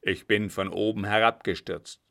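A man's voice: fairly low pitch, steady tone, moderate pace, creaky, pushed and bright. A man voicing a shaken army captain who speaks in short, curt bursts.

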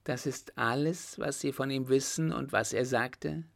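A man's voice: mid-range voice, measured pace, creaky, fairly bright tone, pitched above the performer's own voice. A man voicing a stern middle-aged emperor who questions in curt, clipped phrases with cold irony.

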